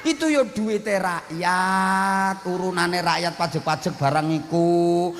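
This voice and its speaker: A man's voice: high voice, slow, fairly bright tone, big-room sound, faint music behind. A man with a Javanese accent preaching a humorous sermon, blunt and joking, speaking outspokenly to a gathering. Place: outdoor religious gathering.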